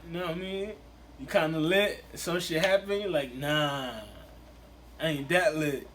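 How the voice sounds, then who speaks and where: A man's voice: fairly high pitch, steady tone, measured pace, fairly bright tone, a little hiss or hum. Slangy laid-back man from Haiti. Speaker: reaction video host. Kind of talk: casual reaction commentary.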